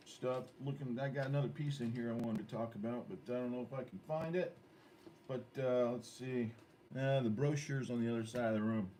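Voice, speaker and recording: A man's voice: mid-range voice, dark tone. A man hosting an amateur radio club net in a casual, rambling, jokey way. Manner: jokey, with mock sponsor plugs. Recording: noisy ham radio room recording.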